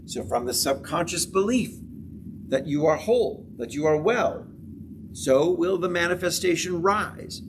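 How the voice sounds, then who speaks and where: A man leads a spiritual lesson in a fairly high voice, moving through slow, measured lines and repeated affirmations. He sits a little away from the microphone, with a faint hum of room noise behind him. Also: expressive, far from the mic. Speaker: spiritual teacher. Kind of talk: spiritual class lecture.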